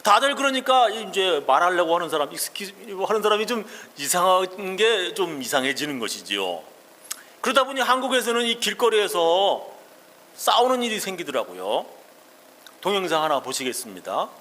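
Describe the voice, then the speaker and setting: A man's voice: high voice, sing-song, moderate pace, bright, forceful tone. A male pastor giving a sermon, explaining English phrases and telling personal anecdotes. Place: church sanctuary. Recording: long reverb of a church hall.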